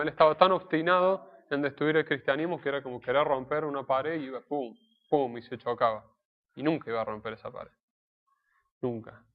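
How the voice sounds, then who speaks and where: A man giving a sermon in a conversational, explanatory way, pausing to restate his points. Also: mid-range voice. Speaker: preacher. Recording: dull lo-fi recording.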